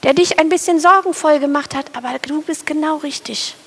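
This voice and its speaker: A wise old dove gently reassures a worried little bird, voiced by a woman storyteller. The voice sits fairly high with a gravelly edge, calm and kindly, as in a children's storybook. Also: fairly quick, big-room sound. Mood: reassuring.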